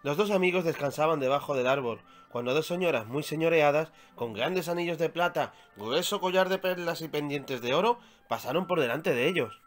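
Brief: Spanish male author narrating a storybook, expressive, light-pitched, faint music bed. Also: fairly quick, few pauses. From Spain. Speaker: author reading his own story. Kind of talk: storybook reading aloud.

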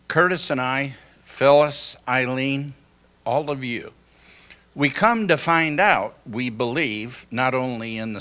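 An older man giving an informal sermon to a small congregation, speaking slowly and conversationally into a handheld microphone in a church hall. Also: mid-range voice, sharp tone. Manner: slow, conversational, reflective. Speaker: pastor.

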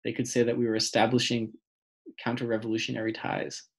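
A man voicing a quiet, worried mother. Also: medium pitch, completely flat delivery, quick pace, vocal fry, natural voice. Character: worried middle-aged mother, soft and weak. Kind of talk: audiobook reading.

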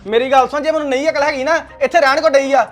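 A man's voice: very high-pitched, fairly even intonation, racing, a bit bright. An actor playing a hot-tempered young husband who barks bossy commands at his wife. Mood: angry, bossy. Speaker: actor in a family skit.

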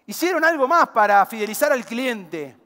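A man's voice: extremely high pitch, lively intonation, moderate pace, sharp tone. A man with a Rioplatense Argentine accent giving a conference keynote talk, telling stories and firing rhetorical questions at the audience. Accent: Rioplatense Argentine Spanish. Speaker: keynote speaker. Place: large conference hall before a big audience. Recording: reverberant large hall.

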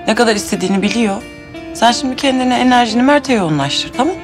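Actress playing an excitable pregnant housewife. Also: female voice, on the high side, fast, music in the background, close to an everyday voice. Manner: animated, talks to herself a lot. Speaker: pregnant wife. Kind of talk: TV drama acting.

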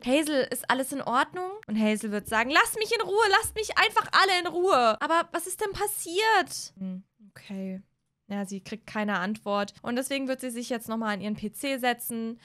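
A woman's voice: mid-range voice, fairly bright tone. A woman casually commenting on her life-simulation game, chatty and emotional, talking straight to her viewers. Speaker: let's play creator.

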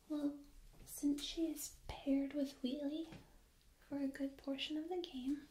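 In a high voice, a woman softly whispers an ASMR analysis, slow and deliberate. She moves ear to ear across a binaural microphone.

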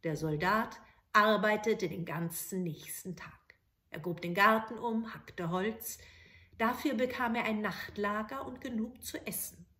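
Bright-voiced woman reading a fairy tale. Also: medium pitch, unhurried. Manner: calm, clear storytelling. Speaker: storyteller.

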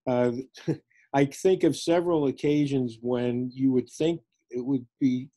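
A man's voice: medium pitch, steady tone, a little slow, warm tone. A man on a video call, telling a story in a rambling way with hesitant fillers. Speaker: small group participant.

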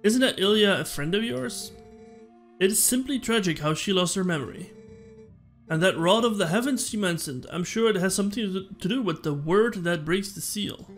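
A man reading aloud the lines of a polite, chatty young gentleman scholar from a video game. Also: high voice, animated, normal speed, soft background music. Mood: inquisitive. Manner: reads game text aloud in a mostly plain voice.

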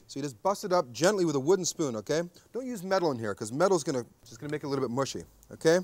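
A man's voice: fairly high pitch, expressive, rapid-fire, darkish tone, dry recording. A man in his thirties hosting a TV cooking show at an outdoor grill, chatty and joking, often tagging lines with "okay?". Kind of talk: jokey TV cooking demonstration. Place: outdoor backyard grill deck.

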